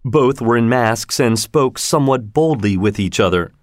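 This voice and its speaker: A man narrating a story in a calm, measured, scripted reading. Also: medium pitch, no room sound, clean studio sound. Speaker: audiobook narrator.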